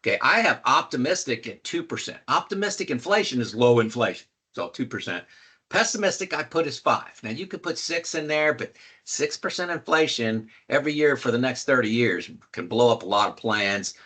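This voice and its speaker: A man's voice: medium pitch, lively intonation, brisk, bright, forceful tone, slightly rough. An older man hosting a casual screen-share tutorial on retirement planning, folksy and emphatic, repeating key points. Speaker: retirement planning video host.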